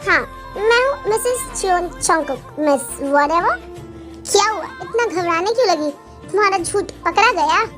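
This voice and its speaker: A proud young wife who talks back with boastful, cutting lines, as a woman voices her in a fan-made dub. The voice is very high. Faint music sits underneath. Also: animated, moderate pace, a bit bright. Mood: haughty. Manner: sassy, boastful. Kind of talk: Hindi fan dub acting.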